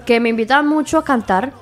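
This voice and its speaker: A woman's voice: a little high, brisk, soft background music. A young woman who grew up in Spain, a singer being interviewed on the radio, talking in a friendly, chatty way with frequent fillers and tag questions. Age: young adult.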